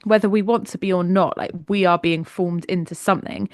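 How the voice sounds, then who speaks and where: A woman's voice: fairly low pitch, steady tone, brisk, no echo, studio quality. A woman co-hosting a podcast, chatting in an upbeat, enthusiastic way and often trailing off. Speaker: podcast co-host. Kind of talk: casual chat.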